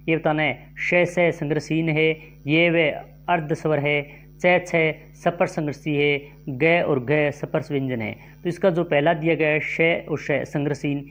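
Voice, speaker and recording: Man teaching an exam-prep grammar lesson. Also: on the high side. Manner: reads quiz questions and options, then explains answers slowly.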